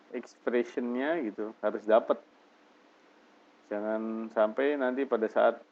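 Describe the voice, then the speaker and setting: Slow-speaking male teacher, lo-fi recording. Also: mid-range voice. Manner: reads English example sentences slowly and deliberately, explains in Indonesian. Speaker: English teacher. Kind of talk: recorded English lesson explaining example phrases. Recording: dull lo-fi lesson recording.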